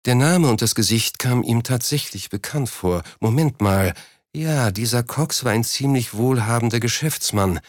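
A man reading a story aloud in a steady, measured scripted narration. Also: mid-range voice, no room sound, studio quality. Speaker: audiobook narrator.

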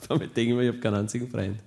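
A man with a Viennese Austrian German accent telling a dry, deadpan cabaret monologue. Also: medium pitch. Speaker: cabaret comedian.

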